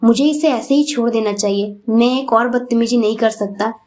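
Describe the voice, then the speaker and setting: A woman voicing a gentle, anxious young man who softly reassures someone. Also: fairly high pitch, moderate pace, natural voice. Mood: worried.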